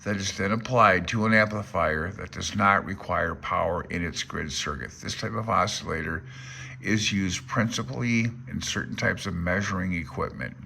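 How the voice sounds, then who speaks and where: Gravelly and pitched low, the man's voice sounds pushed and bright as he moves at a moderate pace. He is a hobbyist presenter in amateur radio, informally reading a handbook aloud and remarking on it while thinking aloud, unsure of himself and self-deprecating.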